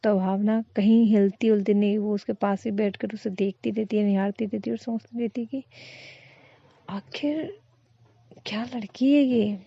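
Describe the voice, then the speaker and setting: A woman's voice: medium pitch, little pitch movement, brisk, gravelly, few pauses, no echo, highs cut off. A woman telling a love story in a casual spoken way, chatty, describing actions as if gesturing them.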